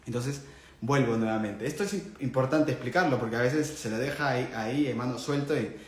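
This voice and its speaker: A man's voice: medium pitch, a little fast. A man giving a live spiritual talk, explaining earnestly and checking in with his listeners through questions. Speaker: spiritual teacher. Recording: echoey room with faint background noise.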